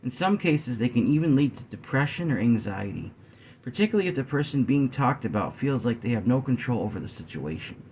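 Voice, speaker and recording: A man vlogging a sincere talk to his viewers, often clearing his throat and slowing down to stress key points. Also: mid-range voice, sing-song, darkish tone, a little hiss or hum. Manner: earnest, addresses viewers as guys; frequent throat clearing, yawning. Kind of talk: talking-head discussion to viewers.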